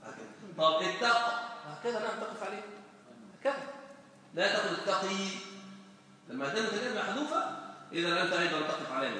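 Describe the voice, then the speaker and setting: Bright-voiced teacher in an echoey hall. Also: male voice, sits high, fast talker, long pauses, slight background noise. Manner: lively, quizzing students with questions. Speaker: Arabic grammar teacher. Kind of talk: classroom lesson. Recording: echoey hall, recorded from far off.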